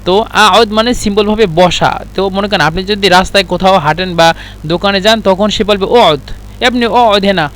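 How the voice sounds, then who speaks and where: A man with a fairly high voice gives a relaxed vocabulary lesson. He says each word, repeats it and explains its meaning patiently, one term at a time. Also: brisk. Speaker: Arabic language teacher. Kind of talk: casual spoken vocabulary lesson.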